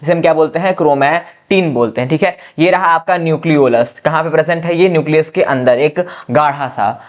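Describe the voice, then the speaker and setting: Lecturing on biology a little fast, a man with a higher voice often says "ठीक है" and addresses the class as "बच्चा". He tends to repeat a question and answer it himself.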